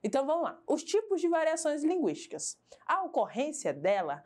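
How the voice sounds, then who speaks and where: Higher-voiced woman teaching a lesson. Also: big pitch swings, normal speed, a little mellow. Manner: explains step by step, asks and answers her own questions. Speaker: Portuguese teacher. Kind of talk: televised classroom lesson.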